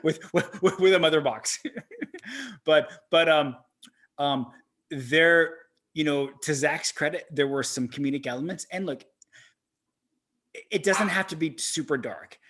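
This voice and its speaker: A man co-hosting a casual movie-reaction podcast, excitable and swearing freely as he gushes over scenes. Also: a little high, unhurried, pauses often. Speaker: podcast co-host.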